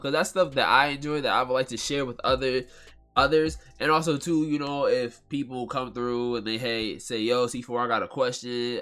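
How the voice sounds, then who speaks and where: A man's voice: mid-range voice, pushed and bright. A man hosting a casual solo podcast in a congested, nasal whine, rambling in slang and repeating phrases for emphasis. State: congested from allergies. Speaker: podcast host.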